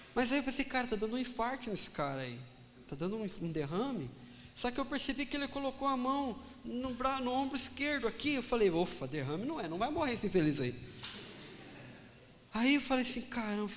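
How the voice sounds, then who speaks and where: High-voiced man preaching through a story. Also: long reverb tail, slight background noise. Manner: animated, dramatic retelling with quoted dialogue. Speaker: pastor. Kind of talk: storytelling sermon.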